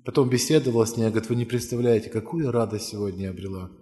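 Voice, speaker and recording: A man's voice: fairly low pitch, very fast, mellow. Earnest preacher man in reverberant hall. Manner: earnest storytelling, pleading with listeners. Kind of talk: sermon with altar call. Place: church hall.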